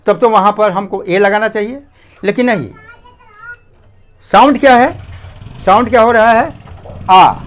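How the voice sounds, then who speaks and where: A man teaching a grammar lesson, slow and repetitive, often asking students to pay attention. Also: sits high.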